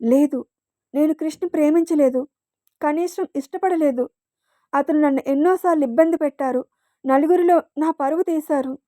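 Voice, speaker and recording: A woman voicing a withdrawn young woman who speaks curtly and flatly in a storybook reading. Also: sits high, moderate pace, dry recording, clean studio sound, lightly acted. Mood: cold. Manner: curt, flat, sullen.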